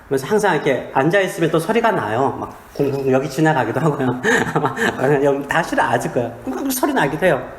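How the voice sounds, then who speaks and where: A man, a pastor, preaching a sermon in a small church, with humor and questions put to the congregation. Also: a little high. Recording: echoey church sanctuary.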